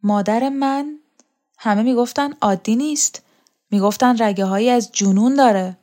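A woman's voice: fairly high pitch, warm tone, close to an everyday voice. An earnest, searching young man, read by a woman. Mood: troubled. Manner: questioning, earnest.

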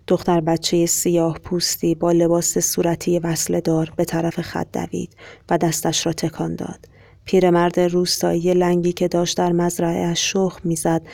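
A podcast storyteller giving a measured, even reading of a short story. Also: medium pitch, gravelly, dry recording. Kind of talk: scripted narration.

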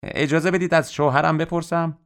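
A man voicing a brisk, businesslike middle-aged woman shopkeeper on the phone in an audiobook. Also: a little high, steady tone, a bit bright, clean tone, voice pushed up. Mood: chirpy businesslike.

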